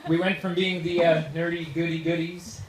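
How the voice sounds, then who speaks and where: A Canadian man gives an informal, humorous wedding toast as best man. His voice sits a little high and comes with halting pauses. He is recorded at a distance in an echoey, very noisy room. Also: little pitch movement. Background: loud audience noise and laughter.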